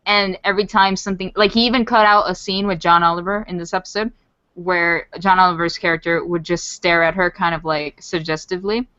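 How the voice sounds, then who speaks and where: A woman co-hosting a podcast in casual chat, excitable, laughing often and swearing freely. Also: on the low side, fairly quick, smooth, no echo. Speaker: podcast co-host. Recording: dry, dull lo-fi podcast audio.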